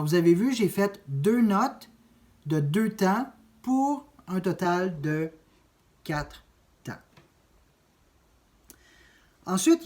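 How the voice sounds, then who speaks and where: A man's voice: sits high, a little mellow. A man teaching a drum lesson, explaining note values step by step and counting beats aloud. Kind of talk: music lesson.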